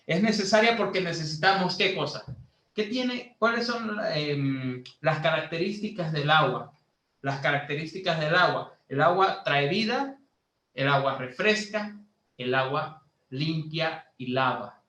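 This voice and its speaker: A man from Bolivia giving a sermon to a youth group as a lay preacher, teaching slowly with many fillers and building to emphatic preaching. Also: a little high, bright, forceful tone, reverberant, low-quality recording.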